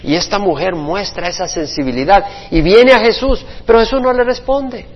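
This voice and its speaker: Higher-voiced pastor teaching in a hall. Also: male voice, moderate pace, breathy edge. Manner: conversational, asks listeners "¿verdad?", acts out short quotes. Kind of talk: Bible study teaching. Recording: dull sound with long reverb in a hall.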